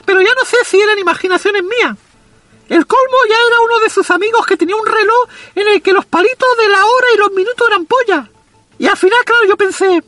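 A man playing a foul-mouthed, self-proclaimed macho with a squeaky, effeminate, boyish voice, rambling through a comic monologue. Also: bright, forceful tone, dry recording. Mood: aggrieved, gossipy. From Andalusia, Spain. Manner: crude, rambling anecdotal delivery.

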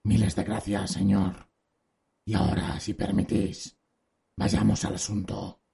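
An actor playing a calm, patient monster hunter who speaks formally, in an audiobook drama. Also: male voice, fairly low pitch, measured pace, gravelly, slightly rough, full character voice. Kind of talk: audiobook radio drama acting.

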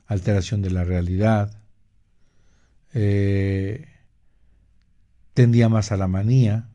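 Slow, dark-voiced man. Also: fairly low pitch. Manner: measured, with frequent pauses and fillers. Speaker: radio show host and therapist. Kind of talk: slow explanatory talk.

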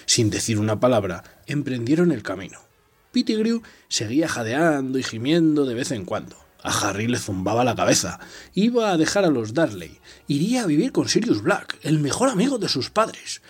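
Husky, lively man reading a novel. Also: mid-range voice, normal speed. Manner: expressive, dramatic storytelling, drops to a whisper at tense moments. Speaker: reader.

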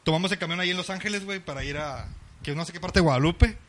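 Fast-talking Mexican guy telling a story. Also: fairly high pitch, fairly bright tone, slight background noise. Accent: Mexican Spanish. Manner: rapid slangy storytelling, constant "güey", laughs while talking. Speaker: podcast co-host telling a story. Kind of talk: casual storytelling chat.

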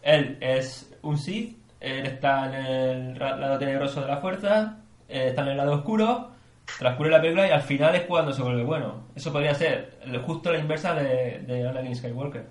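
Man, casual podcast co-host, excitable, curses freely, roomy echoey sound. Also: medium pitch, normal speed. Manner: excitable, swears, weighs ideas aloud. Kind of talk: casual chat.

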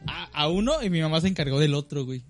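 Mexican guy on a podcast, kinda high voice, crude stories, keeps laughing. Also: animated, fast, faint music behind. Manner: laughs often, bursts into loud yells. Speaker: podcast co-host. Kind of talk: casual crude banter and anecdote.

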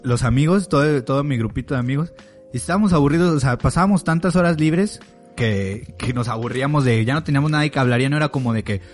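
A young man with a Mexican accent, hosting a podcast and telling a story among friends in an animated way, acting out his friends' lines. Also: medium pitch, quick pace, soft background music. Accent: Mexican Spanish. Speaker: podcast host.

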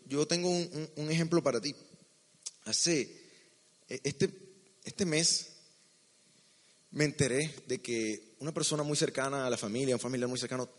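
A young man preaching a sermon in an earnest, personal way, often restarting his sentences and dropping to a hushed voice when he tells a story. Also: mid-range voice. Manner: earnest, with frequent restarts and sudden drops to a hushed voice. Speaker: pastor. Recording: long hall reverb with faint music. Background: faint music.

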